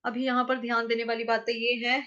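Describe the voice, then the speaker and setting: A woman leads a chanting lesson, her high, bright voice unhurried as she patiently breaks down each syllable. The sound is slightly dull and lo-fi. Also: flat delivery. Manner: patient, explains pronunciation step by step. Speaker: Sanskrit recitation teacher. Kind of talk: chanting lesson with slow verse recitation.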